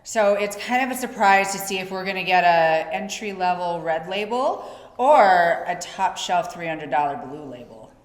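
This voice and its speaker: A woman's voice: fairly low pitch, animated, moderate pace. A young adult woman co-hosting a casual chat with dry, teasing banter. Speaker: podcast co-host. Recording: echoey room with long reverb.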